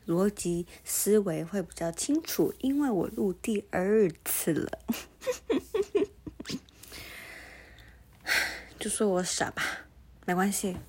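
Woman, podcast host, husky medium-pitched voice, mouthguard-slurred diction, casual solo storytelling, self-mocking, English words mixed in. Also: measured pace. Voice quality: slightly slurred articulation from a mouthguard or braces. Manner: self-mocking, animated re-enacting of conversations.

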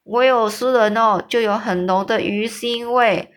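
A woman voicing a huge, boisterous male giant who teases loudly and draws out his exclamations. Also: steady tone, lightly acted. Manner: booming, boisterous, drawn-out exclamations.

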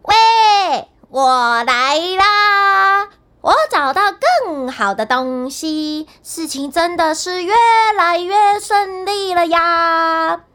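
A woman reading a storybook and voicing a foolish, cheerful young man who shouts gleefully and draws out his calls. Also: high voice, lively intonation, takes it slowly, heavily acted. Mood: gleeful, loud.

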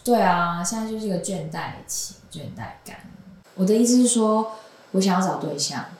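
A woman's voice: medium pitch, moderate pace, darkish tone. A young woman, chatting casually as a guest and telling a long, rambling story between frequent giggles. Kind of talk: casual chat. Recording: roomy echoing room.

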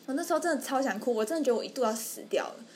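A woman's voice: high voice, rapid-fire, a little mellow, slight background noise. A young woman, telling a story on a podcast and acting out the people she quotes. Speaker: podcast co-host. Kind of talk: casual storytelling chat.

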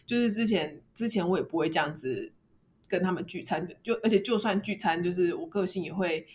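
A woman co-hosting a casual podcast chat, telling a story in an animated way and laughing often. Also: on the low side, a little fast. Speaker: podcast co-host.

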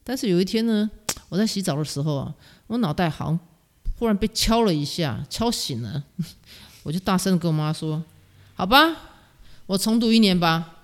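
In a casual interview, a middle-aged music teacher from Taiwan guests and tells stories in Taiwanese-accented Mandarin. Her pitch is fairly low and her delivery a little fast; she is lively, pokes fun at herself, and laughs often.

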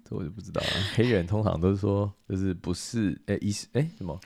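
A man from Taiwan, co-hosting a podcast and cracking deadpan jokes in casual chat. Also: low-pitched, fast, gravelly. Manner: deadpan joking. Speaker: podcast co-host.

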